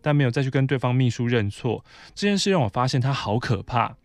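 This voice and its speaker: A man's voice: medium pitch, animated, quick pace, no echo. A man from Taiwan, a podcast host, reading a listener's letter aloud in a conversational way with brief asides.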